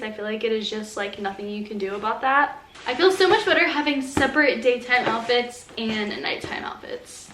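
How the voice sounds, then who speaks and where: A woman's voice: on the high side, a bit bright. Chatty young woman, echoey room. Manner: chatty, fills speech with "like". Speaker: lifestyle vlogger. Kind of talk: casual chat to camera.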